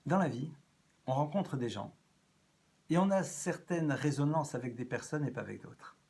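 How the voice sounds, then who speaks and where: A man giving an evening lecture as a rabbi, animated, swinging between loud rises and soft drops and repeating phrases as he thinks. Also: fairly high pitch, normal speed, vocal fry. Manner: repeats and restarts phrases as he talks.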